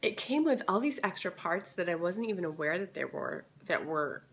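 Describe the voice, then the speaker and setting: A woman's voice: lowish voice, big pitch swings, normal speed, vocal fry. A woman vlogger with a scratchy voice, chatting enthusiastically through a haul video. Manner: chatty and enthusiastic, many fillers.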